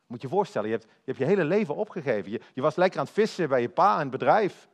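A male preacher delivers a sermon as lively storytelling. His pitch sits a little high and swings widely, and he often addresses the listeners directly. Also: rapid-fire.

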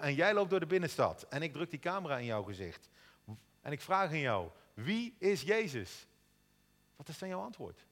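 A man's voice: a little high, a bit bright, big-room sound. A man preaching an earnest sermon in a church, sometimes stumbling over repeated words. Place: church in Eindhoven.

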